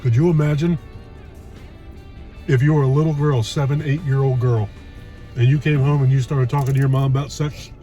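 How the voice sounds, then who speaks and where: A man's voice: mid-range voice, steady tone, fairly quick, pauses often, mellow, soft background music. A man in his early fifties chatting casually while eating, chewing as he talks, in a blunt, exasperated, ranting way. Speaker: host of food review vlog. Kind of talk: casual chat.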